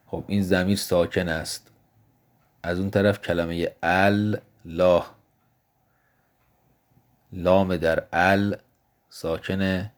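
This recorded lesson features a man who teaches Arabic morphology, his voice very low and his delivery flat. Patiently explaining step by step, he asks his own questions and answers them, slowing his pace whenever he spells out example words.

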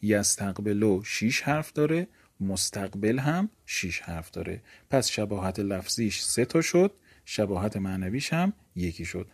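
A man's voice: on the low side, sing-song, breathy edge. A male teacher giving a grammar lecture, explaining step by step and asking the class questions that he then answers himself.

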